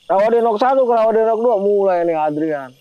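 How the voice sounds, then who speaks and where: A man's voice: sits high, lively intonation, brisk, clean tone, dry recording, muffled recording. A man telling a hiking horror story in casual slang, often turning to address his listener by name. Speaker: storyteller guest.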